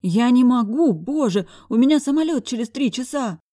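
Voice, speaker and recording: A woman's voice: a little fast, dark tone, lightly acted. A woman putting on a panicked, pleading woman. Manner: pleading, high and agitated. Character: panicked, tearful middle-aged woman.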